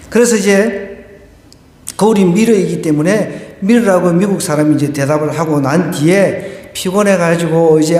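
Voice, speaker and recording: A man's voice: high voice, warm tone. A male pastor giving a conversational sermon, asking the congregation questions and telling a humorous story. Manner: conversational preaching with rhetorical questions and a told joke. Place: church sanctuary. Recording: echoey church hall.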